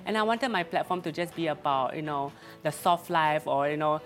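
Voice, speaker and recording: With soft background music behind him, a young Singaporean man, a social media creator, chats as a guest. He speaks at normal speed in a higher, slightly bright voice, laughing throughout and filling his speech with restarts and fillers.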